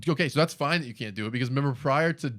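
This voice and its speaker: A man's voice: mid-range voice, racing, a bit bright. Young male podcast co-host. Laid-back and chuckling, with easy asides. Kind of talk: casual podcast chat.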